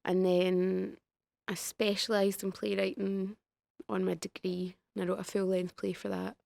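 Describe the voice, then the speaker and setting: A woman's voice: mid-range voice, little pitch movement, measured pace, creaky, darkish tone, dry recording. A young woman, a guest playwright, answering interview questions in a modest, hesitant way.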